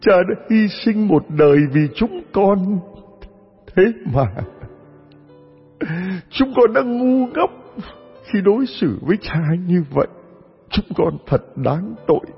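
A man's voice: fairly high pitch, husky, in a large hall, highs cut off, pitched above the performer's own voice, exaggerated voice. A man voicing a grown son who tearfully begs his blind father's forgiveness in a told folk tale. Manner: tearful pleading. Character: remorseful grown son, a magistrate.

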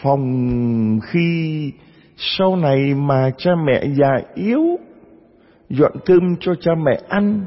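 A man's voice: on the high side, big-room sound, highs cut off, voice pushed up, exaggerated voice. A man voicing an innocent, earnest little boy who candidly explains himself in a told folk tale.

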